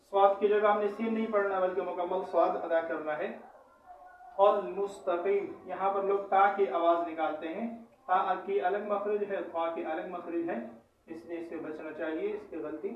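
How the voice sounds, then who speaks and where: A man with a high voice teaches recitation patiently, spelling out each syllable and repeating it so students can follow. He sounds set back from the mic in an echoey room, and the audio is a bit dull and muffled. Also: recorded from a distance, a little hiss or hum. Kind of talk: teaching lesson.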